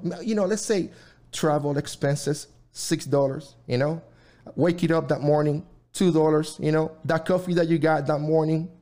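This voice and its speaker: A man co-hosting a casual live chat show, talking in a rambling, halting way with many restarts and fillers. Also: fairly high pitch, dark tone. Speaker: livestream co-host.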